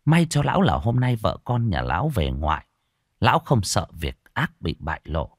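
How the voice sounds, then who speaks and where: A man narrating a ghost story theatrically, moving from hushed to urgent. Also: on the low side, sing-song, moderate pace, dry recording, studio quality. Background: faint music.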